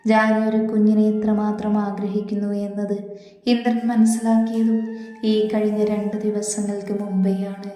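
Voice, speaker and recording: Soft-voiced woman reading a story. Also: mid-range voice, completely flat delivery, moderate pace. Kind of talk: read-aloud romance story narration. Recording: echoey reverberant room with faint music.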